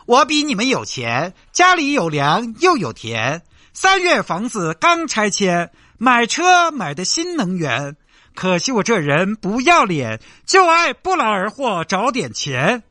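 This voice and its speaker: A man voicing a mocking recorded chant of a self-confessed cheat, slow and sing-song. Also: high voice, huge pitch swings, bright, forceful tone, no echo, studio quality, full character voice.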